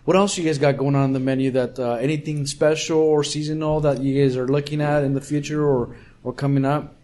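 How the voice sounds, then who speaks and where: A man's voice: on the high side, fairly even intonation, a little fast, darkish tone. A man interviewing restaurant owners in a casual, rambling way, with many restarts, in a small restaurant.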